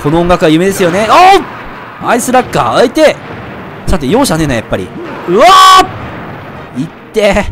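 A man giving excited commentary while playing a video game, yelping and shouting whenever he takes a hit. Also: high-pitched, brisk, background noise. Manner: excitable, yelps and shouts at hits. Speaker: let's play gamer.

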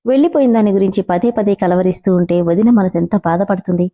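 A woman voicing a sharp-tongued, protective young woman who speaks indignantly, in a spoken storybook. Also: medium pitch, quick pace, lightly acted. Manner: indignant, heated.

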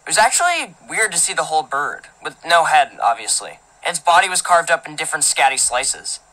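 Bright-voiced woman reading a casual teen monologue. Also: sits low, sing-song, a little fast, poor audio. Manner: casual, filler-heavy, indignant teen tone. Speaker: audiobook reader. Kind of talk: audiobook narration of a teen boy's first-person story.

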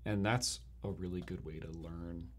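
A man with a fairly low voice co-hosting a faith reaction show. He speaks earnestly and with enthusiasm, with plenty of casual fillers. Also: fairly even intonation, normal speed, a little hiss or hum.

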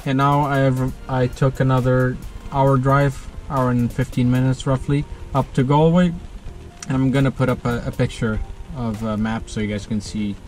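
A man's voice: medium pitch, flat delivery, normal speed, a little mellow. A man in his thirties chatting casually to camera as a vlogging photographer, recorded inside a car in the rain. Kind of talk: casual vlog talk to camera. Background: rain on the car, music.

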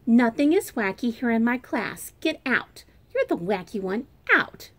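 A woman's voice: fairly high pitch, animated, unhurried. A woman doing a cross, bossy schoolteacher. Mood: indignant. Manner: scolding, bossy.

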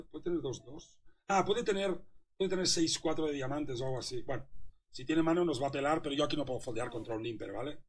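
A young man, a poker coach commentating his hands live and teasing a viewer in chat. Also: a little high.

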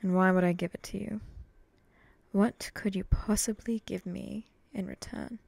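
A woman playing a brooding, vengeful samurai in an ASMR role-play, speaking in a breathy, terse, deadpan way. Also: medium pitch, unhurried, dry recording. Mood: guarded, bitter. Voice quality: breathy, often dropping in a soft voice.

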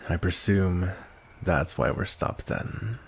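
There is slight background noise as a man, his husky and gravelly voice sitting low, speaks in a stern, measured way. He is playing a grumpy, cold, commanding vampire knight in a roleplay ASMR.

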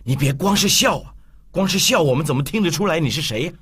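A man voicing a mischievous, playful young man in an audiobook, talking in a teasing, lively way. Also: on the high side, fast, husky, voice pushed up, heavily acted. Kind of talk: audiobook character voice.

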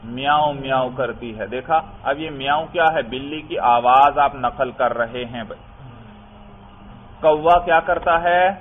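A man's voice: a little high, slight background noise. Man lecturing over a tinny line. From Pakistan. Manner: asks the class questions and answers them, calls listeners brother. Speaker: Arabic grammar teacher. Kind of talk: classroom lecture. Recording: tinny phone-like lecture recording.

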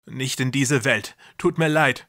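A man voicing a cruel, deluded young man who believes he is a god, speaking loudly and feverishly. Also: medium pitch, a little slow. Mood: pleading. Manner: loud, intense, feverish delivery.

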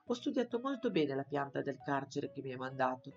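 A brisk, nasal old mole from a storybook, talking in a low register, as a woman puts him on. The recording is a little dull, with faint music underneath. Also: big pitch swings, darkish tone, heavily acted.

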